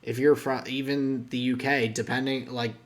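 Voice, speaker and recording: With a flat, mid-range voice at normal speed, a young man co-hosts a podcast in casual chat. He tends to ramble, restart frequently, and rely on guesstimates.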